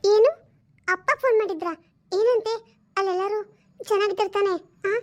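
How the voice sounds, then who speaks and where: A woman's voice: very high voice, fairly even intonation, normal speed. A woman voicing a tearful, protective mother who pleads and sobs. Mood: worried. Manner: pleading and tearful, often sobbing. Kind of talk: home-made family drama.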